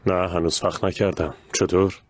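An actor playing a casual, dismissive older brother in a dubbed TV drama. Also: male voice, low-pitched, level tone, slight background noise, close to an everyday voice.

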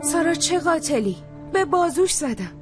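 A woman's voice: sits high, big pitch swings, music in the background. An actress playing a shy, dreamy young woman, a khan's daughter, in a dubbed drama. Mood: wistful. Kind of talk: dubbed drama series dialogue.

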